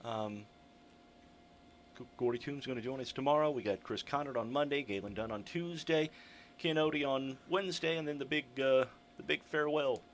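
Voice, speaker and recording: A man's voice: mid-range voice, normal speed, slight background noise. A man hosting a live local radio call-in contest, chatting casually in a folksy, rambling way with dry humor. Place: radio studio.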